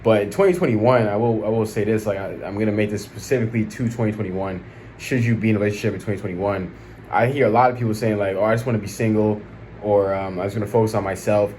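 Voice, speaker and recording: A low-pitched American man speaks in a casual, slangy vlog style. He rambles through his opinions conversationally, checking in with the listener often. There is some background noise behind him. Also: steady tone, fast, darkish tone. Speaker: vlog host.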